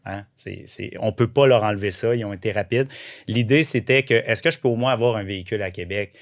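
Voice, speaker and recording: Animated Québécois man telling his story. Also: fairly low pitch, fast. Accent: Québécois French. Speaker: guest, vehicle owner. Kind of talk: casual interview chat.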